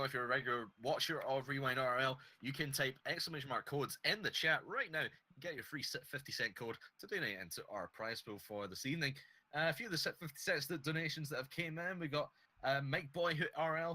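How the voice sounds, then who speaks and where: A man giving relaxed esports color commentary and reading out donations, with many fillers. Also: mid-range voice, fast talker, poor audio. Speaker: esports co-caster.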